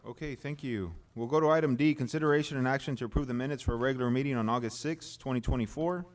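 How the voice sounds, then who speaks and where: A man with a mid-range voice chairs a public meeting as mayor. He reads agenda items and procedural motions in a measured, formal way. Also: medium pitch, slight background noise. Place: city hall commission meeting.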